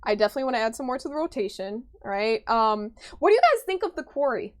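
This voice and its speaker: A young woman with an American accent, chatting casually with her stream viewers in an animated, chatty way. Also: a little high, quick pace. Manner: chatty, animated retelling, frequent laughter.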